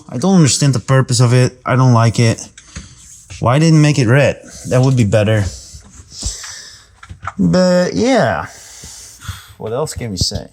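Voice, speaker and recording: A man's voice: mid-range voice, a little mellow. A man speaking in a casual, rambling way as he gives a walkthrough tour inside a small trailer. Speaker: vlogger giving an RV tour. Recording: noisy small trailer interior.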